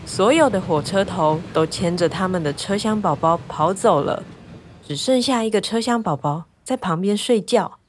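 A woman narrating a children's story in a gentle, lively, clearly paced way. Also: medium pitch, moderate pace, slight background noise.

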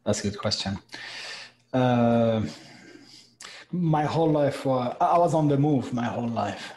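Middle-aged guy from lebanon, thoughtful, stumbles and repeats words, medium pitch. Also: lively intonation, a little mellow, low-quality recording. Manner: reflective, halting with repeated words. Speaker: guest, business owner. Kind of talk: conversational interview.

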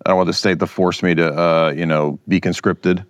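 A man's voice: low-pitched, level tone, a little fast, dry recording. A man giving casual, conversational political commentary as a podcast guest, explaining his opinions informally.

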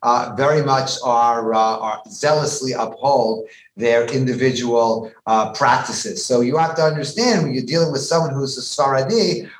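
A man's voice: medium pitch, normal speed. A man, a rabbi being interviewed, explaining at length in an emphatic way and often restarting his sentences. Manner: emphatic, with frequent restarts and repeated words. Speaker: rabbi, guest. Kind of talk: conversational explanation on a podcast. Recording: echoey room with faint background noise.

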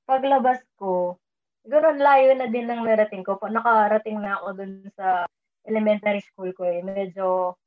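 Her voice is medium in pitch, steady, and unhurried as she casually recounts a dream she experienced. She blends in English words and raises her voice to quote herself, all on a thin, phone-like recording.

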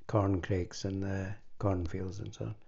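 An older Scottish man reminiscing about his youth, speaking haltingly with many fillers and restarts. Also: low-pitched, flat delivery, creaky, dark tone, husky, lo-fi sound. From Scotland. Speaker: interviewee. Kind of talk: reminiscing conversation.

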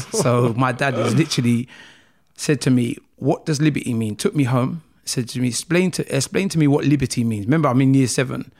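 A South London man with a matching accent, his mid-range voice brisk and a little mellow, appears as a podcast guest in a casual interview. He earnestly recounts his life story, rambling and sprinkling in plenty of "like" and "man."

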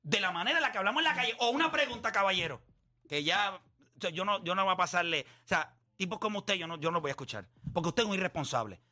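A man's voice: sits high, animated, fast talker, sharp tone. A man hosting a casual radio talk show, bluntly scolding a caller.

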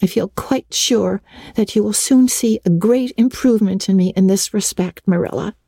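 A woman's voice: mid-range voice, moderate pace, vocal fry, dark tone, husky, dry recording, clean studio sound, pitched above the performer's own voice. A woman reading aloud, voicing a talkative, imaginative orphan girl who speaks earnestly and theatrically.

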